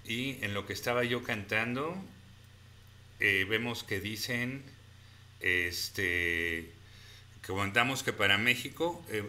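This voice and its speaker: A man's voice: mid-range voice, sharp tone, slight background noise. A man hosting a live stream, casually reading out viewer comments and thanking people by name. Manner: chatty, reads viewer comments aloud and thanks them by name.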